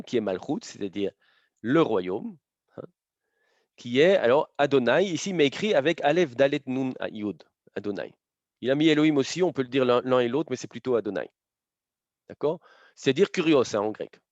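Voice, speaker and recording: A man's voice: medium pitch, darkish tone, no room sound. A man giving a lecture to a live audience, explaining points one by one and often tagging his sentences with short checking questions. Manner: explanatory, punctuated by frequent tag questions. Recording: dull, slightly muffled lo-fi sound.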